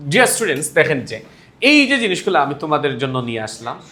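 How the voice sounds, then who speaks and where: A man's voice: on the high side, very animated, brisk, pushed and bright. A man teaching English pronunciation to a class, leading call-and-response drills, asking questions and laughing often. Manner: leads students in repeating words, asks questions, laughs often. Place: classroom with students. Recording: echoey classroom with a crowd of students. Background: students repeating in chorus.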